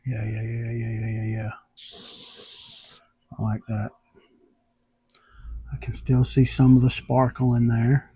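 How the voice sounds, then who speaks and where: A man's voice: mid-range voice, monotone, takes it slowly, long pauses, mellow, breathy edge, dry recording. A man airbrushing in his home workshop, thinking aloud and muttering to himself as he works, with the hiccups, recorded on a tablet camera. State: has the hiccups. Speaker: airbrush artist. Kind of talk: casual talk while working. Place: home workshop under overhead lights.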